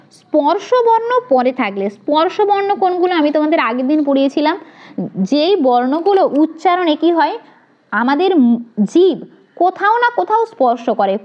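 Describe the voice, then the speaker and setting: High-voiced woman teaching grammar. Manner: explains step by step, asks questions and answers them herself. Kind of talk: grammar lesson for teaching-exam students. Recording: dull lo-fi recording.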